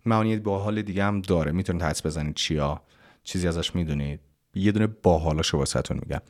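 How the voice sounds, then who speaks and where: Deep-voiced man teaching English vocabulary. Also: a little mellow. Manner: explains, spells out words letter by letter, reads English slowly. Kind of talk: casual language lesson.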